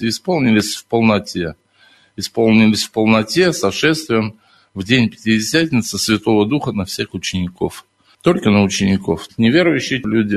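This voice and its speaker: Earnest male preacher, lower register, teaching style that repeats key phrases. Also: gravelly. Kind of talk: Bible teaching and scripture reading.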